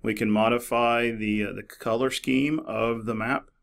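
A middle-aged man narrating a screen-recorded tutorial in a relaxed, explanatory way, with many fillers and restarts. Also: mid-range voice, measured pace, creaky. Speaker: librarian demonstrating a database. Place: office.

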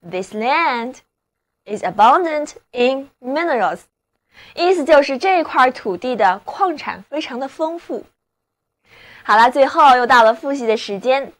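A woman whose first language is Chinese, presenting a scripted English vocabulary lesson and slowing down to spell words and model example sentences. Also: sits high, expressive. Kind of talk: scripted radio-style lesson narration.

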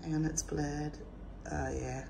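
Aussie lady vlogging, croaky morning voice, laughs a lot, kinda low. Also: little pitch movement, slow pace, warm tone, roomy sound, slight background noise, poor audio. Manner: chatty, laughs often. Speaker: travel vlogger. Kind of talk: casual vlog chat and narration.

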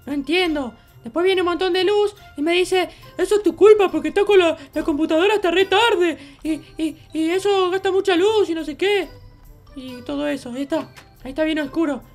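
A woman's voice: a little fast, soft background music. A woman voicing a mischievous runaway baby boy in a Minecraft roleplay, chatting to the viewers as he sneaks around. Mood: sneaky. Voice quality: squeaky childlike voice. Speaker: roleplay channel performer.

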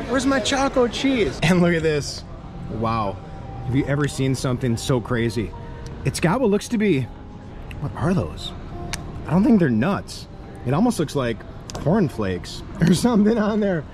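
An American man with a fairly high voice talks to his own camera at arm's length, eating and reacting with loud, joking excitement. Outdoors at night, heavy street and traffic noise sits behind him. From United States. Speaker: food vlogger host. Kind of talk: casual vlog narration. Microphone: action camera held at arm's length.

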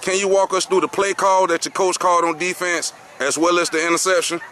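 On an outdoor football field at night, a sports interviewer puts postgame questions to a coach and players, formally saying "yes, sir" after each answer. His voice sits high and is sharp, fairly quick and flat in pitch.

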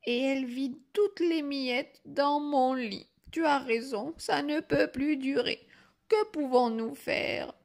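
A woman's voice: high-pitched, slow pace, vocal fry, pitched above the performer's own voice, full character voice. Woman doing a quavering old grandmother. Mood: weary. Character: old grandmother, sly and gentle.

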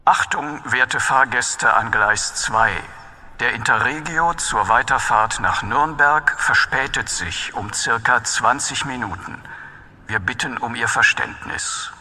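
A man voicing a serious, official railway announcer with a flat, formal delivery. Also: mid-range voice, slow pace, heavily acted.

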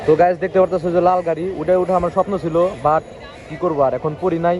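A man's voice: sits high, level tone, racing, low-quality recording. A young man from Bangladesh chatting casually to his viewers as he walks around a city and a campus, joking about himself and calling them guys. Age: young adult. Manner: chatty, self-mocking, addresses viewers as guys. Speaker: vlogger. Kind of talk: casual walking vlog. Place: outdoors on busy city streets and campus. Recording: loud traffic noise behind.

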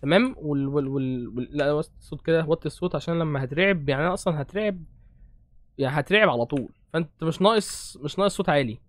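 Young egyptian man, horror game commentary, rambling, nervous joking, very fast, slightly high voice. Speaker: gaming host.

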